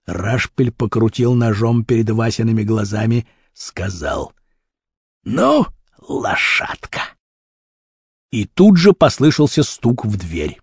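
A man narrating a children's adventure story with expressive, vivid storytelling. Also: on the low side, unhurried, few pauses, breathy edge, dry recording, studio quality. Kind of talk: audiobook reading of a children's adventure novel.

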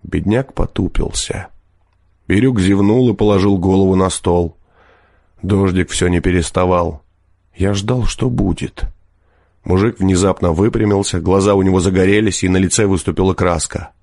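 A man narrating an audiobook in a measured, expressive way. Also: deep voice, no echo, clean studio sound. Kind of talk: scripted narration.

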